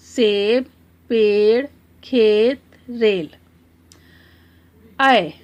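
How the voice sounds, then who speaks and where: A woman teacher explaining a lesson to children, slowly drawing out example words one by one. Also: fairly high pitch. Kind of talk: slow, deliberate classroom explanation.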